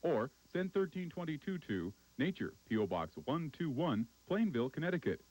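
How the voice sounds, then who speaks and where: A man's voice: a little high, big pitch swings, moderate pace, a little mellow, poor audio. A male announcer reading scripted infomercial ordering instructions. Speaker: commercial announcer.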